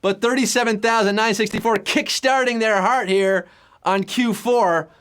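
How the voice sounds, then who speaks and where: A man hosting a live trivia game show, reading questions with playful, jokey patter and sudden jumps in pitch. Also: steady tone, normal speed, fairly bright tone, smooth.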